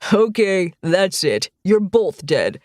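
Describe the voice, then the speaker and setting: A woman voicing a gruff, teasing male rancher in an audiobook. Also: fairly low pitch, very animated, takes it slowly, no echo, clean studio sound.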